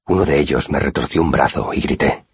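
A man narrating a first-person fantasy audiobook in an expressive storytelling manner. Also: a bass voice, brisk, slightly rough, dry recording, lo-fi sound.

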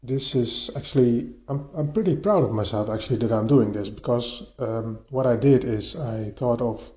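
A man's voice: mid-range voice, dark tone. Man talking into his phone, lo-fi sound. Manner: halting, often repeats words as he restarts. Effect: voice recorded on a phone. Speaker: podcast host. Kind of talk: casual solo podcast monologue. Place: partly furnished bedroom, a bit echoey. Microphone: phone voice-note app. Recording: lo-fi phone recording, echoey room.

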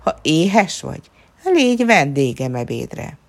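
A haughty, greedy lord from a storybook folk tale, voiced by a woman. His low voice coaxes and flatters in lively swoops, all greed under the politeness. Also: gravelly, heavily acted. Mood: wheedling. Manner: wheedling and greedy. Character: greedy, proud male lord, fawning then furious.

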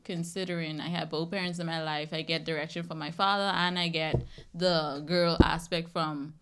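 This podcast guest, a twentysomething woman from The Bahamas, talks casually about her own experience at a normal speed. Her deep voice keeps a fairly even intonation, and there's slight background noise.

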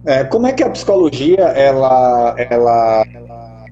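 A man's voice: mid-range voice, unhurried, mellow. A man interviewing over a live video call through headset earphones, his internet audio choppy and cutting out as he restarts and rephrases his questions. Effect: choppy internet call audio that keeps cutting out. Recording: dull lo-fi call audio with faint hum.

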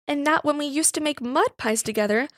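Woman as a weepy young servant woman, high and pleading, gravelly edge, dry read. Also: lively intonation, normal speed, no echo. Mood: earnest. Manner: pleading, emotional, rustic dialect. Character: young working-class woman, tearful and ashamed.

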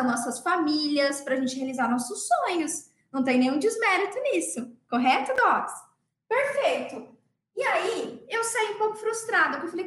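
A young Brazilian woman dentist talks in a high, bright register. She tells a story to fellow professionals in a casual, chatty way and keeps checking in with her listeners. The voice rings in an echoey room. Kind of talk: casual storytelling to an audience of colleagues.

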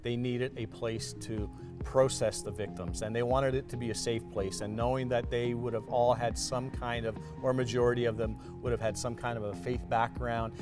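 A man who is a police chaplain earnestly explaining events in a halting way, with fillers. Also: medium pitch, flat delivery, over music. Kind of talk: news interview clip.

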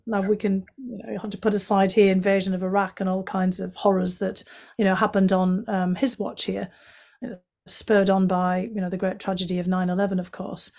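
A woman's voice: mid-range voice, darkish tone. A middle-aged woman with a Northeast English accent, from County Durham, answering interview questions in a fluent, candid way with frequent fillers. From County Durham, England. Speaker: guest, former intelligence analyst.

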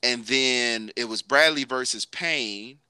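A man hosting a laid-back show, talking in a slangy, rambling way and often restarting his sentences. His voice is very bright and sharp, and it is recorded close and dry. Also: mid-range voice, takes it slowly, clean tone, dry recording. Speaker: podcast host. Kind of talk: casual chat.

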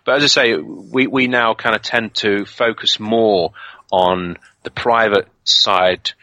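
Bright, forceful man telling ghost stories. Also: fairly low pitch, slow pace, no echo, poor audio. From United Kingdom. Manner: animated, rambling anecdotes with many fillers. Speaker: ghost hunter guest. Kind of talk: casual storytelling interview.

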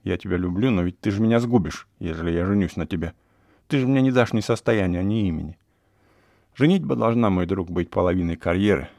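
A man's voice: lowish voice, vocal fry, a little mellow, dry recording, studio quality. A man voicing a plump young German baron who coolly lectures and refuses to marry.

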